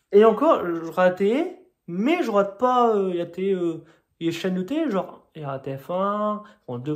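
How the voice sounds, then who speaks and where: A young man chatting casually in a vlog, rambling along with frequent hesitations and restarts. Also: high-pitched. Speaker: vlogger.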